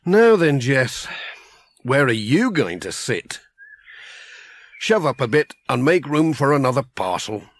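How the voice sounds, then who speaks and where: In a children's audiobook, a man gives a full character voice to a friendly, overworked village postman with a Northern English accent. His medium-pitched delivery is sing-song and slow with long pauses, folksy and grumbling, in a chivvying mood.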